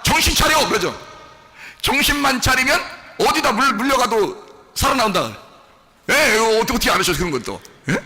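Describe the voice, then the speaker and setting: A pastor preaching a sermon, lively and questioning, often asking the congregation for answers and moving between casual and polite speech. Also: male voice, very high-pitched. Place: church sanctuary. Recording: echoey hall reverb.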